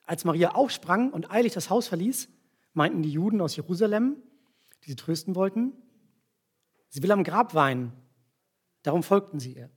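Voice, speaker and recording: A man's voice: high-pitched, expressive, husky. A man preaching a sermon, retelling a Bible story with volunteers acting it out, often checking in with the listeners with tag questions. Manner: explains slowly with frequent tag questions.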